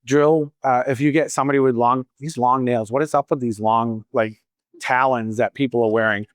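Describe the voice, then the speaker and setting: Speaking at a normal pace in a steady, mid-range tone, a man in his fifties from Boston answers audience questions as a salon owner at a training event. His slight Boston accent comes through as he tells stories with wry asides in a casual Q&A. The sound is clean studio audio without echo.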